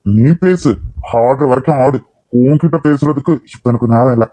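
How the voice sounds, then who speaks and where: A man's voice: mid-range voice, moderate pace, warm tone, natural voice. Man voicing a domineering cartoon father. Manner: harsh, scolding. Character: domineering middle-aged father, contemptuous. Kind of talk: cartoon voice acting.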